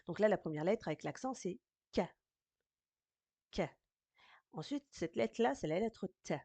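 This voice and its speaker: A woman teaching a recorded Arabic reading lesson in French, patient and slow, sounding out each syllable. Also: mid-range voice, lively intonation, mellow, dry recording. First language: French speaker teaching Arabic.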